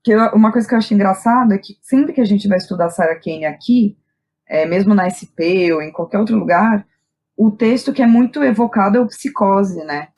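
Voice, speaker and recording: A medium-pitched, darkish voice moves briskly as a woman with a Brazilian accent reflects in a conversational interview. She is a playwright and director appearing as a guest, thinking out loud and frequently asking short tag questions.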